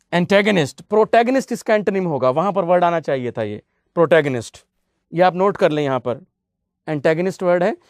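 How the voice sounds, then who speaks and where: A man's voice: sits high, darkish tone, dry recording, clean studio sound. A man teaching English vocabulary to a class, listing synonyms and antonyms and spelling words out letter by letter. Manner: addresses students fondly as "beta".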